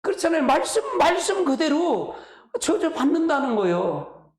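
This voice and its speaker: A male pastor preaches with a gravelly, rough-edged voice that swings widely up and down in pitch. His delivery is colloquial and emotional, full of sighing exclamations. The sound reverberates around an echoey church hall. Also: sing-song, moderate pace. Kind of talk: sermon. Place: church sanctuary.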